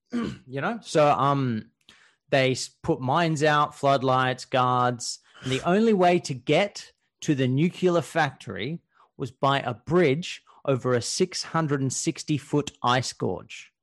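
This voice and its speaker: Animated laughing male podcast storyteller. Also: medium pitch, takes it slowly. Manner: animated storyteller, laughs often, swears casually. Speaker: podcast co-host telling history stories. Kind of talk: casual chat.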